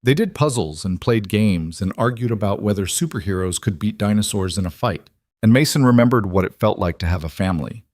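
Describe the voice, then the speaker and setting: A man narrating a scripted story in a calm, even manner. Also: on the low side, brisk, no echo, studio quality.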